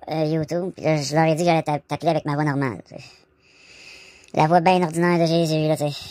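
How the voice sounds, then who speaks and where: A man in his forties with a Québécois accent, chatting on a call in his everyday voice, rushed and full of filler tags. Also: a little high, dry recording. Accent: Québécois French. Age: 40s. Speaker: YouTuber on a phone call. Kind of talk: casual phone chat.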